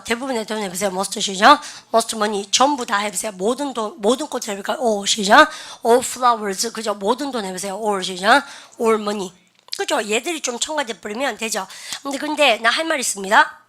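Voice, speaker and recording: In her English grammar class, this teacher gets her students to repeat phrases aloud and asks them questions, keeping the lecture chatty. She sounds bright and forceful, and her voice sits a bit high.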